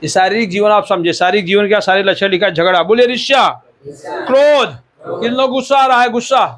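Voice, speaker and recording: A man's voice: high-pitched, fairly quick, fairly bright tone, a little hiss or hum. A man from India preaching a sermon as pastor, exhorting the listeners and repeating key words for emphasis.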